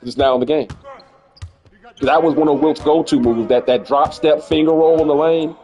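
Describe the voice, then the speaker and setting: A man's voice: a little high, fairly even intonation, moderate pace, dark tone, dull audio. Laid-back man rambling over gameplay. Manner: laid-back, rambling, repeats words as he thinks. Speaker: gaming streamer. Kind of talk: casual gameplay commentary.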